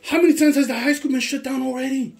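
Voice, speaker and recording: A middle-aged father with a deep, strained voice after surgery, heatedly complaining to school staff. He questions in rapid bursts, then gives long, insistent explanations. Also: fairly even intonation, creaky. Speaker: parent. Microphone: handheld phone recording.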